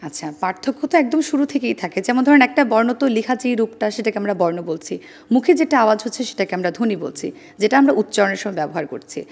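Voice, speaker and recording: A woman guest in an interview, explaining how to pronounce words, with careful, precise diction and a measured, deliberate delivery. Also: on the high side, lively intonation, creaky. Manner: careful, precise standard pronunciation, demonstrating sounds. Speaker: interview guest on speech and pronunciation.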